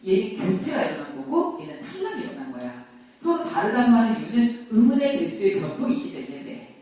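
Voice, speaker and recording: A middle-aged woman teaching grammar to a classroom, lively, quizzing and teasing her students. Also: a little high, quick pace. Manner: lively, questions and teases students. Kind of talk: classroom lecture. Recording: very echoey classroom from far off.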